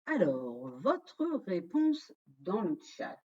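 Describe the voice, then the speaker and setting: A woman's voice: medium pitch, very slow, husky. Woman running a quiz on a webinar, chatty and direct, audio a bit dull over a call mic. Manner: lively, addresses the audience directly, asks and answers quiz questions. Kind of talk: interactive online quiz presentation.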